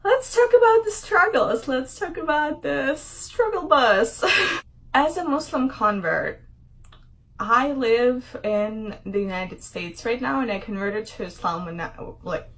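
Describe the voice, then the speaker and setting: A woman's voice: sits high, lively intonation, slow, a bit bright. A young woman from Ukraine talking casually to her channel in a rambling vlog, with frequent fillers and laughter. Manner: chatty, rambling, laughs often, many fillers. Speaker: vlogger.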